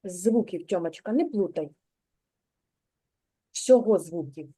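A woman's voice: on the low side, expressive, takes it slowly, warm tone, husky. A woman kindergarten teacher giving a patient, encouraging one-on-one reading lesson to a young child, prompting step by step.

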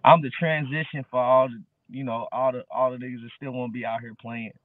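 A man's voice: mid-range voice, steady tone, fast talker, no echo. Man in his thirties on a tinny call. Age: early 30s. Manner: laid-back street slang, fillers like bro. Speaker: guest musician. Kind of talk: casual interview chat. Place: dark room at home. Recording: dry, tinny phone-like video call.

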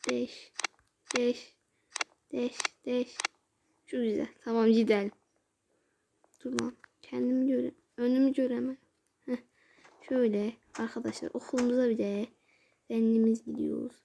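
A woman giving casual let's-play commentary as a gaming YouTuber, chatty and exclamatory, with sudden hushed asides. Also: on the high side, flat delivery, unhurried, vocal fry, pauses often, slight background noise.

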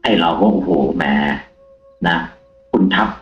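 A man, a taxi driver, telling a ghost story in a casual, animated way on a live show. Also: measured pace, roomy sound, highs cut off, faint music behind. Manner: animated, acts out the quoted lines himself.

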